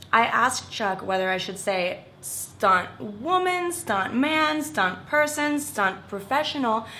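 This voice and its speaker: An American woman, an English teacher, explaining phrases from a recorded conversation in a clear, upbeat way and stressing the key words. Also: fairly high pitch, bright, forceful tone, slight background noise.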